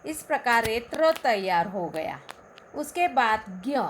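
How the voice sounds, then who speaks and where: A woman teacher with a Marathi accent, a native Marathi speaker, recites and explains in a high voice. She speaks slowly and carefully, shaping each sound. A faint background noise runs under the recording. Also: sing-song. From Maharashtra, India. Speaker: school Hindi teacher. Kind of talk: recorded lesson.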